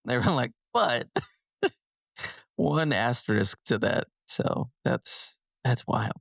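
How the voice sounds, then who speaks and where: A man's voice: mid-range voice, animated, slow pace, gravelly, fairly bright tone, no room sound, studio quality. A man co-hosting a casual film podcast. He chats loosely, laughing often and restarting his sentences. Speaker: podcast co-host.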